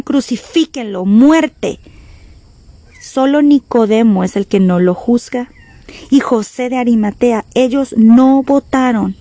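A woman's voice: medium pitch, warm tone, no echo. A woman preacher delivering a sermon, with dramatic emphasis and rhetorical questions to her listeners.

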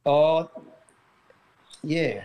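A man's voice: a little high, lively intonation, drawn-out words, a little mellow, rough recording. A middle-aged Australian man, a retired jockey, chatting in an interview with lots of fillers and restarts. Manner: rambling, self-correcting, many fillers. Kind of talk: casual interview.

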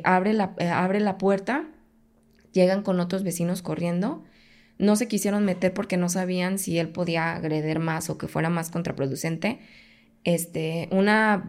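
A woman's voice: lowish voice, darkish tone. A woman with a Mexican accent, a podcast guest telling a personal story in conversation. She tells it intensely and acts out her own past pleas.

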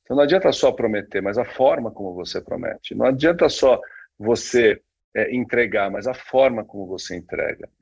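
A man's voice: lowish voice, expressive, fairly quick, gravelly, darkish tone, husky, highs cut off. A man co-hosting a casual talk, speaking with many fillers and restarts. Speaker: podcast co-host. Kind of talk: casual conversation on branding.

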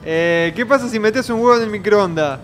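A man's voice: high voice, moderate pace. A man with an Argentine accent trading short question jokes in casual talk. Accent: Rioplatense Argentine. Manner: short quiz-style jokes, laughing along. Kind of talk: casual joke telling. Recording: music playing behind.

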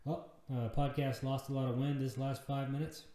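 A man's voice: medium pitch, level tone, moderate pace, mellow. A man in his thirties hosting a casual solo podcast, rambling and self-deprecating, swearing freely. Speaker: podcast host. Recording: very echoey room.

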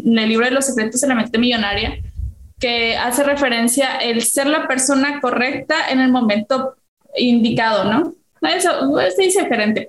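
A woman with a Mexican accent, a podcast guest chatting casually about her consulting work and acting out little example conversations with fillers. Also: on the high side. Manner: chatty, explains with acted-out examples and frequent fillers. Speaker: guest, soft-skills and marketing consultant. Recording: roomy echo.

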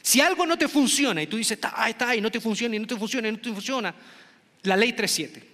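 A middle-aged man from Chile tells a funny story on stage, animated and acting out the voices of everyone in it. His voice sits high and bright, with a forceful edge. It rings out with the long reverb of a big hall. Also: quick pace. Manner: animated, acts out quoted voices. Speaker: stand-up comedian. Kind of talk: comic storytelling to an audience.

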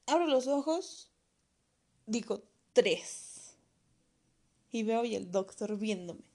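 Brief: Mexican woman, fairly high voice, crude slang-heavy comic storytelling. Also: animated, unhurried, darkish tone, slight background noise. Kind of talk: comedic personal anecdote.

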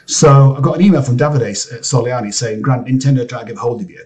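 A Scottish man, a game composer, chatting in an interview, excitable and rambling with many restarts. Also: medium pitch, fast talker, crowd noise. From Scotland. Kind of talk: casual interview chat. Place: home studio area, lives in LA.

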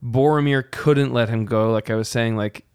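A man's voice: medium pitch, fairly even intonation, normal speed, a little mellow, clear, resonant tone, no room sound, studio quality. A man hosting a podcast, chatting casually and enthusiastically about a film and sharing trivia. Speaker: podcast host.

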